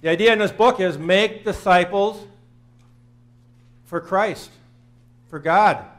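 A man's voice: high voice, takes it slowly. A man in his fifties preaching a sermon in a small church, earnest and plain-spoken, repeating phrases for emphasis. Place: small church sanctuary, in front of the altar.

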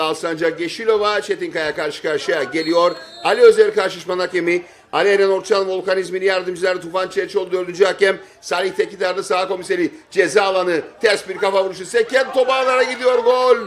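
A man giving excited football play-by-play in clipped short phrases, shouting and stretching out his calls at big moments. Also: sits high, fast talker, hardly any pauses. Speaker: football match commentator. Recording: stadium crowd noise behind voice. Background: football crowd.

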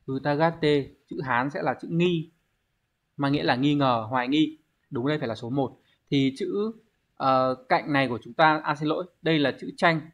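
A man teaching an online exam review lesson, explaining word readings and checking in with the class through rhetorical questions. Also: fairly high pitch. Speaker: Japanese teacher.

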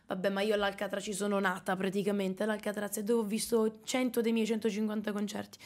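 A Milanese woman chatting casually on a live stream, animated and slightly hoarse, with quick asides to her chat. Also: medium pitch. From Italy. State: slightly hoarse after concerts.

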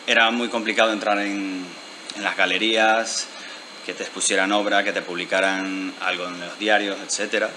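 A Venezuelan guest artist being interviewed speaks thoughtfully with hesitant restarts into a handheld mic in an indoor lounge bar. His voice is lowish and flat at a normal speed, against a noisy background.

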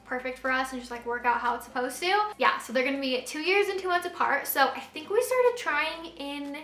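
A woman's voice: sits high, a little fast, a bit bright, echoey room. A young woman telling a casual story-time vlog, chatty, with lots of "like" fillers, a little out of breath. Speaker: vlogger.

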